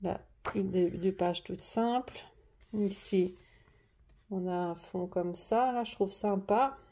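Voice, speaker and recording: A woman chats through a craft haul at her desk, pausing often on fillers and restarting her sentences. Her voice is mellow and soft-edged, with a plain middle pitch. She addresses the camera in relaxed, easy talk. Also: slight background noise. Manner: chatty, hesitant, many fillers and restarts. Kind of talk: casual show-and-tell vlog. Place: at home at a desk. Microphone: camera on the desk, moved closer and back.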